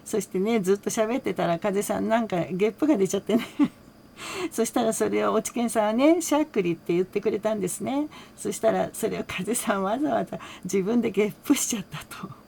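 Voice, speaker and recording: A woman's voice: medium pitch, a little fast, creaky, dark tone, slight background noise. A woman hosting her own channel, casually recapping a radio interview, talking with a lot of fillers and small laughs. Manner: chatty, relays quotes with small laughs and many fillers. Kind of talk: casual solo commentary.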